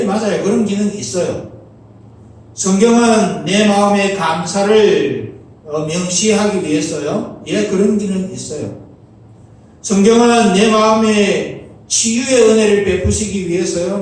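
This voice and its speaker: Middle-aged male pastor, high animated preaching voice, earnest rhetorical questions, distant mic in a booming sanctuary. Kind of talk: Sunday sermon. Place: church sanctuary. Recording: very echoey church hall, mic at a distance.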